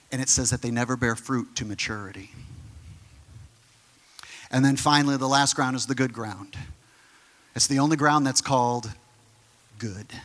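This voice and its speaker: A man preaching a sermon in a lively, conversational way, with quick asides. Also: mid-range voice, in a large hall.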